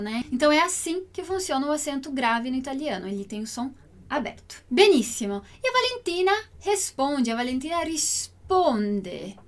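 A Brazilian woman with a high, light voice teaches Italian at an easy pace. She slows right down to say foreign phrases word by word so students can follow. Her delivery is patient and explanatory, like a language lesson. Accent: Brazilian Portuguese.

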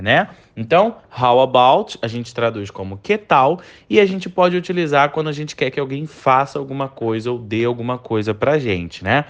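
A young man with a Brazilian Portuguese accent teaching an online English lesson in a chatty way, often checking in with his students. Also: fairly high pitch.

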